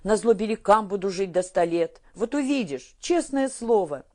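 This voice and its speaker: A woman voicing an earnest young male underground fighter in an audiobook, reassuring and gentle. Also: medium pitch, expressive, moderate pace, voice pushed up, close to an everyday voice. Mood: comforting. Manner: warm, reassuring.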